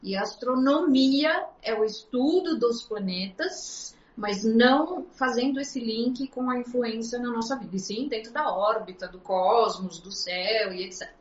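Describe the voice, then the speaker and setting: A woman's voice: fairly high pitch, a little slow, few pauses. A woman in a casual interview, earnestly explaining things at a shifting pace. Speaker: astrologer guest. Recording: echoey, dull lo-fi sound.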